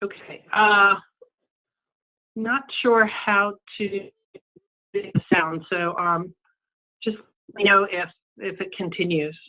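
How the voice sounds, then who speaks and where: A woman giving a webinar lecture over a crackly phone line that fades in and out, speaking in a measured way with frequent ums and restarts. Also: mid-range voice. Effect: crackly phone line, fading in and out. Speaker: invited presenter on a webinar. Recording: tinny phone-line audio.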